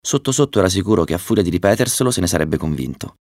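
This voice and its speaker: Male storybook narrator, deep voice, measured delivery, dry booth sound. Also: lively intonation, darkish tone, no echo. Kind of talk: children's story reading.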